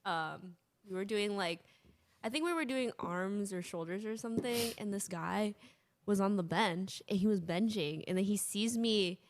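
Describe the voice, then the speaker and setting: A young woman co-hosting a casual podcast, telling a lively story with laughter. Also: mid-range voice, normal speed. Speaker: podcast co-host.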